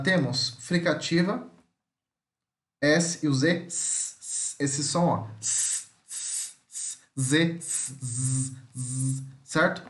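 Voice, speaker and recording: A man from Brazil teaching a phonetics lesson, patiently repeating speech sounds and checking in with tag questions. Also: a little high. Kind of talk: home-schooling phonetics lesson. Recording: echoey room.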